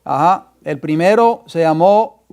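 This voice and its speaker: High-voiced, clear pastor teaching a class. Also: male voice, a little slow, a little mellow. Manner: quizzes the class and dictates scripture references. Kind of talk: Bible class lecture. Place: church classroom.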